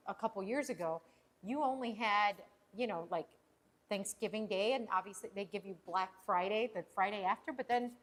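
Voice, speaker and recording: A woman hosting a casual cooking livestream from her home kitchen, chatting and rambling with frequent restarts as she preps food. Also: medium pitch. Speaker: cooking show host.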